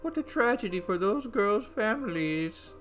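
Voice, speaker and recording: Guy doing a fussy old lady, chatty, high voice, music faint behind. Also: animated, a little slow, a bit bright. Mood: fussing. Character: fussy elderly housewife, hospitable.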